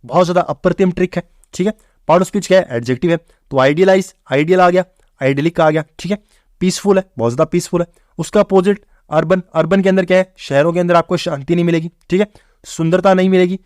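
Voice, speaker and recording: A man whose voice sits high with a darkish tone teaches English vocabulary for exams, recorded in a clean studio with no echo. He uses memory tricks, quizzes the viewer, says "theek hai bhai" again and again, and blends English words into rapid classroom Hindi.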